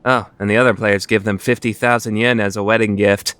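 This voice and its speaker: Woman as a very low-voiced, sardonic student. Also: steady tone, a little fast, a bit bright, clean tone, no room sound. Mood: exasperated. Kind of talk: anime fandub radio play acting.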